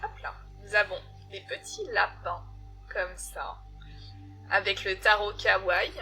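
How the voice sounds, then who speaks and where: A woman giving a casual tarot reading, unhurried and hesitant, with frequent fillers. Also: medium pitch, steady tone, bright, forceful tone, faint music behind. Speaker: tarot reader.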